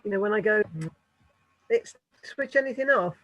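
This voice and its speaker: A woman's voice: medium pitch, normal speed, fairly bright tone, rough recording. A woman speaking hesitantly on a video call, her audio breaking up and dropping words, with many fillers and restarts. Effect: audio cutting out on a video call. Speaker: meeting participant. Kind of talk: casual chat on a video call.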